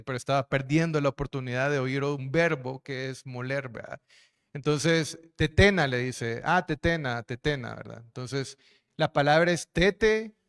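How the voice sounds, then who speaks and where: Man lecturing, smooth clear voice. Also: medium pitch, a bit bright. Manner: explanatory, with frequent fillers and tag questions. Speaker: linguist and researcher giving a talk. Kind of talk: public lecture with slides.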